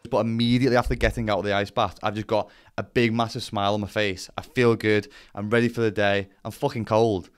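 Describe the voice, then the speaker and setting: A man's voice: on the low side, level tone, quick pace, hardly any pauses, clear, resonant tone. A man giving a casual explainer as a vlogger, talking bluntly with some swearing and self-deprecation. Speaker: vlogger presenting to camera.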